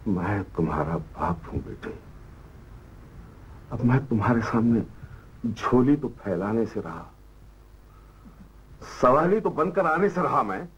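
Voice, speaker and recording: An actor playing a stern father who pleads firmly and slowly with his daughter, on a muffled old TV drama soundtrack. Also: mid-range voice, sing-song, a little hiss or hum. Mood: pleading. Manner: pleading yet firm, slow and weighty.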